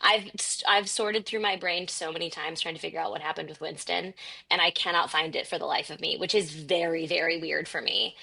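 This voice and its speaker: Woman, podcast co-host, inside a closet, casual chat, laughing, bright voice, lowish pitch. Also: fairly even intonation, fairly quick, creaky, husky. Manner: chatty, laughs often. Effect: talking from inside a closet. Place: closet at home.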